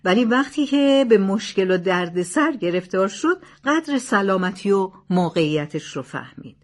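A wise male scholar from an old storybook tale, composed and instructive, as a woman reads him. He explains his lesson with calm assurance. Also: medium pitch, lightly acted. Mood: explaining.

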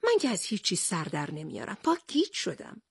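A woman's voice: lowish voice, wildly swooping pitch, vocal fry, husky, no room sound, studio quality, heavily acted. A woman voicing an easily confused older male professor in a storybook reading, sounding bewildered and hesitant. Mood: puzzled.

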